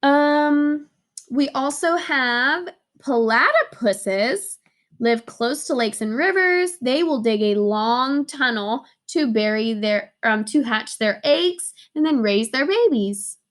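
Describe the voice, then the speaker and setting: A high-voiced woman leads young children through a read-aloud lesson, animated and unhurried. She explains things in simple words and repeats key words for emphasis, in a playful teacher's style.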